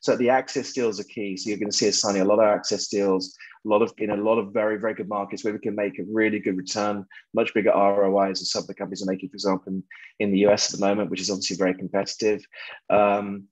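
A man, a company chief executive, answering business interview questions with energetic confidence, full of restarts and "you know". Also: lowish voice, fast, slightly rough, no room sound, low-quality recording. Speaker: company CEO, interview guest.

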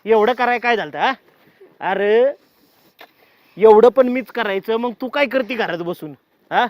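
A man's voice: high-pitched, a little slow, no echo. An actor playing a bossy village husband who nags and barks repeated orders at his wife. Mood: scolding. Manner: nagging, barking orders, repeats words. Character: bossy scolding village husband, middle-aged. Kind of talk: village short-film acting.

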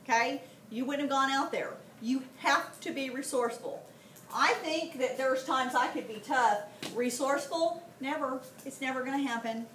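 A high-pitched middle-aged woman speaks at a normal speed while giving a classroom history lesson full of animated stories. She keeps checking in with "okay?" to the students. The audio is roomy and captured from a distance, with a bit of background noise.

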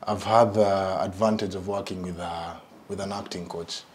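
A man in his thirties with a Kenyan accent, a guest actor chatting relaxed in a small studio, switching between English and Sheng and laughing often. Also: low voice, moderate pace, a little hiss or hum. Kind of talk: casual interview chat. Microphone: studio mic on boom arm.

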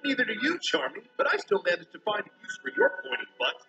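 A commanding echidna leader in a game cutscene, blunt and wisecracking, lively, slightly high, music under. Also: male voice, fast. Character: Knuckles, a gruff, blunt echidna resistance leader. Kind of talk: video game cutscene dialogue. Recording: game audio from a distance, with music.

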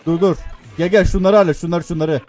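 A young man doing casual gameplay commentary, excitable and swearing, shouting at the game. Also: high-pitched, quick pace, faint music behind.

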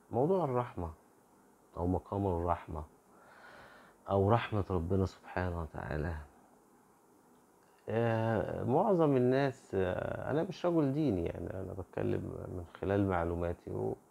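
A man with an Egyptian accent gives an informal, earnest reflection on faith and tells stories that build to forceful emphasis. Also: deep voice, creaky, husky. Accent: Egyptian Arabic. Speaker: speaker sharing personal reflections.

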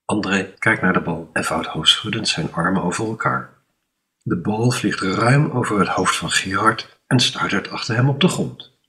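A man narrating a children's story, reading in a lively, expressive way. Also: low voice, moderate pace, far from the mic. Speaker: author reading his story.

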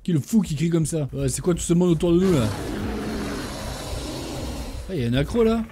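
A young man calls out his game as he plays, excitable and full of slang, often shouting at the other players. His voice sits high and leaps around a lot. A faint noise hums behind him. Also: fairly quick. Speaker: gaming streamer. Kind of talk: live gameplay commentary.

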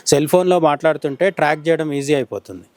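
An Indian journalist, interviewed as a commentator, talks through the news informally, explaining points and frequently rephrasing them. His voice sits fairly high and has a darkish tone, and he speaks quickly. The recording has no room sound.

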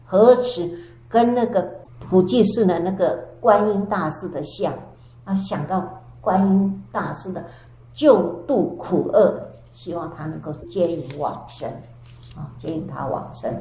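Older nun with a low, warm voice. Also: female voice. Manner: drawn-out sentence particles, storytelling cadence. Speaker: Buddhist nun lecturer. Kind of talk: Buddhist dharma lecture with storytelling. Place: temple lecture hall. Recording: echoey hall with faint background hiss.

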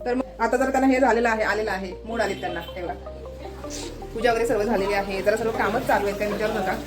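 Fast-talking chatty woman vlogger. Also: medium pitch, over loud music. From Maharashtra. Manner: chatty, keeps pointing things out to viewers. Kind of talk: casual home vlog narration.

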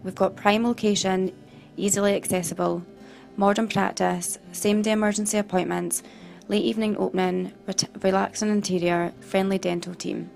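Flat, gravelly woman reading an ad. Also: medium pitch, moderate pace, faint music behind. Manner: reads a list-heavy script with small stumbles. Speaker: voice-over for a dental clinic ad. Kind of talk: read-out advert.

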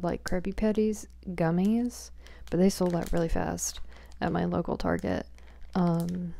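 Low gravelly soft-spoken woman. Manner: rambling, whispery, chatty, giggly. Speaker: ASMR creator. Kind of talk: soft-spoken ASMR chatting. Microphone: small close microphone.

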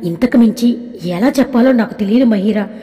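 A woman's voice: a little high, a little fast, dark tone, faint music behind, close to an everyday voice. A woman voicing an easygoing young man who jokes and pleads with his friend. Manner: good-humoured, pleading, joking. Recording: echoey room with long reverb.

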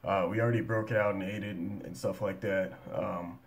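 A man's voice: sits low, fairly even intonation, a little fast. A man in his thirties hosting a casual home cooking video, talking loosely and swearing now and then while he works at a desk in a small room. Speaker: cooking vlog host.

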